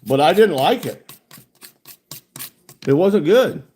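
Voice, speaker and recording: A man's voice: on the high side, animated, slow, darkish tone, slight background noise. A man. He talks around a lip full of dip in a blunt, folksy way, with plenty of swearing. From United States. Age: 40s. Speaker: livestreamer chatting with viewers. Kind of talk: casual chat.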